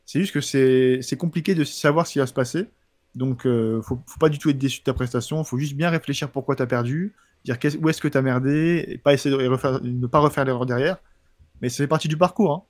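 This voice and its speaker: Fast-talking man with a slushy lisped s. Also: mid-range voice, no echo, clean studio sound. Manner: slight lisp, slushy sh-like s sounds; informal, halting with repeated words and slang. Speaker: professional MMA fighter answering viewer questions. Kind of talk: casual livestream chat, combat sports commentary.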